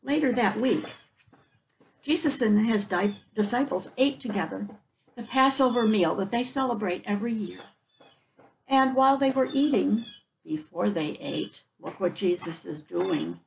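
An older woman sits outdoors on a front porch reading a picture book aloud to children, explaining it in simple words as she goes. Her medium-pitched voice is expressive, a little slow, and has vocal fry. The rough recording comes from a camera a few feet away and carries slight background noise.

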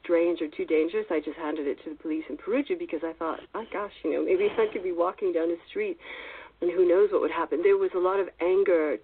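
A woman's voice: fairly low pitch, fast, slight background noise. A woman journalist in an interview clip, speaking earnestly and firmly. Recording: husky, phone-like clip.

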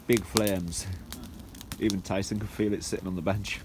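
Relaxed low-voiced Northern English camper. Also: male voice, normal speed, background noise. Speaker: camping vlogger. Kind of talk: casual outdoor vlog narration. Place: outdoors at a woodland camp by a fire.

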